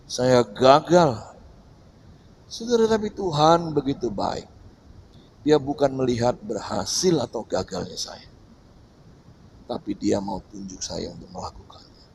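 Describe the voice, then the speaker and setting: A man preaching a Sunday church sermon as pastor, dropping to a hush and then rising to loud, emphatic preaching. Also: mid-range voice, vocal fry, a little hiss or hum. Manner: swings between hushed and loud, emphatic preaching. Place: church service.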